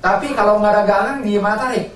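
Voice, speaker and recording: Male preacher, animated call-and-response delivery, slightly high voice; roomy, distant recording with faint ambience. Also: quick pace, a little hiss or hum. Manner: animated, asks the congregation questions and answers them. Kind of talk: sermon.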